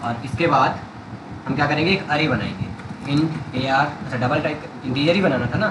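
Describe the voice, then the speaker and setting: A man's voice: mid-range voice, roomy sound, background noise. A man teaching programming step by step, checking that his students follow along. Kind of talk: coding tutorial.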